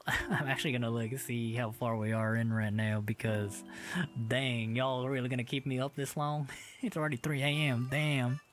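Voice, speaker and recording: A man's voice: medium pitch, flat delivery, moderate pace, a bit bright, soft background music. A young man streaming, chatting casually while drilling Japanese words, playfully putting on a Southern drawl. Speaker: variety streamer. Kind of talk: casual livestream chat while studying Japanese. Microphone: streaming microphone.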